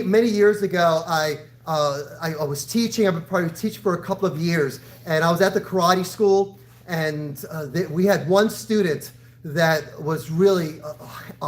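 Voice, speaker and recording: A man in his sixties, a karate instructor, talking to his class in an encouraging, direct coaching style. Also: sits high. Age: 60s. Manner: encouraging, addressing students directly. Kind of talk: live fitness class coaching and motivational talk.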